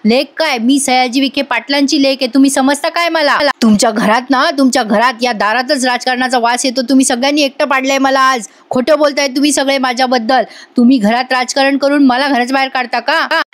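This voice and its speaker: A woman's voice: sits high, fairly even intonation, fairly quick, hardly any pauses, lightly acted. A woman voicing a defiant young woman villain who accuses everyone indignantly, in a plain retelling.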